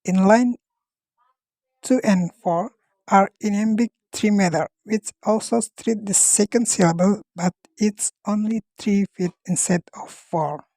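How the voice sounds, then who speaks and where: Woman, student presenter, mellow tone, dry close sound, steady reading. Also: medium pitch, unhurried, dry recording, poor audio. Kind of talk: class presentation read from notes.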